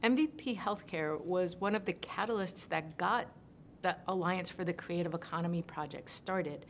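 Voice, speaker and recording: A woman giving an interview testimonial, explaining things in an unscripted way. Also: normal speed. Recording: clear background rumble noise.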